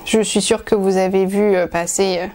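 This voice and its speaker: A woman's voice: medium pitch, steady tone, normal speed, a little mellow. A woman hosting a knitting video podcast from home, chatting casually to her viewers in a rambling way with many hesitations and restarts.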